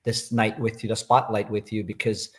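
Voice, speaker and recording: A man from Canada in his fifties, a guest on a live online interview, soft-spoken and hesitant, full of ums and uhs. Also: on the low side, level tone, normal speed. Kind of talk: casual interview chat.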